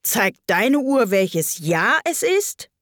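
A woman voicing an odd, contrary male hare in a storybook reading, with a lifted, drawn-out tone. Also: high voice, sing-song, dry recording, clean studio sound, voice pushed up, heavily acted.

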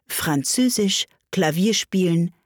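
A mournful, sighing mock turtle from a storybook, voiced by a woman, dragging each word out very slowly. The voice sits low and breathy, plaintive and heavy. It is recorded dry and close. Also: animated, no room sound.

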